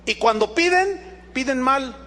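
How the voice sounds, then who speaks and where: A man preaching a sermon as pastor, animated, asking the congregation rhetorical questions and acting out dialogues. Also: extremely high pitch, unhurried.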